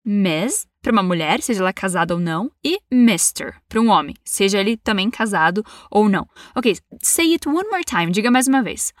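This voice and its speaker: A woman's voice: mid-range voice, expressive, dry recording, studio quality. Patient Brazilian woman teaching English. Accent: Brazilian Portuguese. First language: Portuguese. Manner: slow, exaggerated model phrases for repeating; encouraging and patient. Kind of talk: bilingual English lesson with repetition drills.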